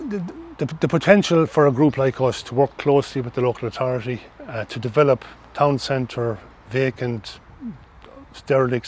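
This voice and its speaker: A middle-aged man with an Irish accent giving earnest, explanatory interview answers, often repeating and restarting phrases. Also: mid-range voice. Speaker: interviewee, social housing organisation representative.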